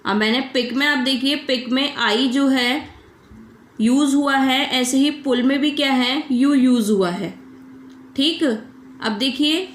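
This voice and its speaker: A woman's voice: sits high, a bit bright, echoey room. A woman teaching a shorthand class online. She explains step by step, puts questions to her students and answers them herself, and mixes English terms into her talk.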